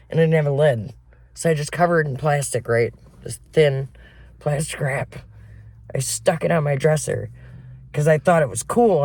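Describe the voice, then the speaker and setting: Low-pitched and recorded dry and close with no echo, this woman from Flint, Michigan co-hosts a podcast. During a casual chat she launches into a wild, laugh-filled story, animated and full of profanity.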